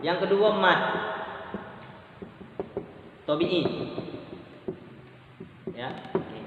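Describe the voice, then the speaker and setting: A man's voice: sits high, expressive, phone-quality sound, background noise. A man, teaching Quran reading in a casual, joking way and drawing out letter sounds as examples. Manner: joking, drawn-out letter demonstrations. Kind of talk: casual spoken lesson. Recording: echoey hall, voice far from mic, faint music.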